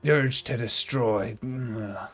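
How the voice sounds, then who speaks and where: A man voicing a brooding god of destruction from a video game, grumbling in his sleep in drawn-out words. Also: mid-range voice, fairly bright tone, soft background music, pitched below the performer's own voice. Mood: sleepy, irritated. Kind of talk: video game dialogue read aloud.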